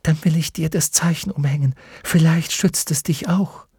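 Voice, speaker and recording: A man's voice: on the high side, steady tone, moderate pace, a little mellow, breathy edge, dry recording, clean studio sound, pitched above the performer's own voice. A man reading an audiobook and voicing a brave young boy hero who speaks earnestly and urgently. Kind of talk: audiobook character voice.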